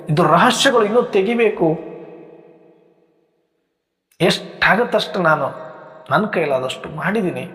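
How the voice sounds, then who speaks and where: A man with a high voice gives a reflective spiritual talk, asking questions aloud and stacking long lists of words. His voice rings through an echoey hall with a long reverb tail. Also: fairly bright tone. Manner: rhetorical, builds long repeated lists. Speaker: spiritual teacher.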